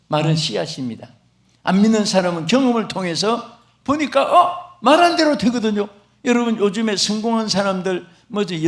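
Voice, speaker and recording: An older man preaching a sermon as pastor, dramatic and animated, acting out voices in his stories and calling out to the congregation. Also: high-pitched. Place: large church sanctuary. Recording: echoey church hall.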